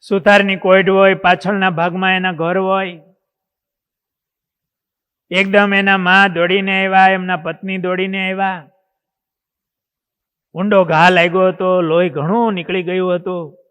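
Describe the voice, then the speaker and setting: Brief: dramatic male monk storyteller; smooth, resonant, ringing voice. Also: high voice, flat delivery, unhurried, pauses often. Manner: dramatic, swings in loudness. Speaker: monk preacher. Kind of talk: devotional storytelling sermon. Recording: long hall reverb.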